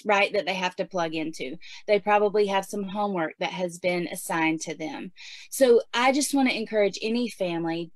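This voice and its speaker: A woman's voice: mid-range voice, dry recording. A woman in her forties giving casual homeschooling advice in a chatty way, with many fillers. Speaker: homeschooling guest speaker.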